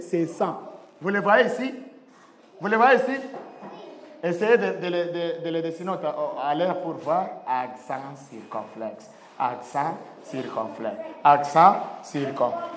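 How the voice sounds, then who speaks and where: A primary school teacher from Rwanda, leading a French lesson with repetitive drilling and call-and-response, praising pupils. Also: medium pitch. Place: large indoor classroom. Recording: echoey classroom hall, background noise.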